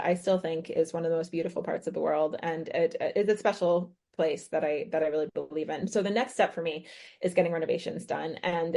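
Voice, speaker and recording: An American woman in her thirties, an author and retreat host, speaks in a lowish, slightly mellow voice as a guest on a casual podcast interview. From her home in rural Ireland, she talks thoughtfully, frequently restarting her sentences.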